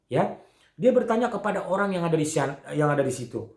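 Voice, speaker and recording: A male Sunday school teacher tells a story to children in a fairly high voice, peppering his talk with short fillers. He shifts between a lively tone and soft asides. The sound echoes in the room. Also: a little fast. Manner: animated, with frequent "ya" fillers, acting out the quotes. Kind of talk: telling a Bible story to children.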